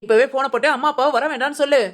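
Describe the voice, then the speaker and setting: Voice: high voice, steady tone, rapid-fire, a bit bright. A voice actor doing a bossy, blunt cartoon neighbor woman. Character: bold outspoken young woman, a neighbor and friend. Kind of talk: cartoon family drama voice acting.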